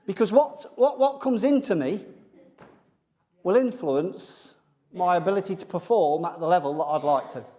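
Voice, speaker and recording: Male preacher, slightly high voice, loose conversational sermon, self-deprecating jokes, lots of ums. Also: lively intonation, moderate pace, mellow. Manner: humorous, self-deprecating, many fillers. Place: church sanctuary with congregation.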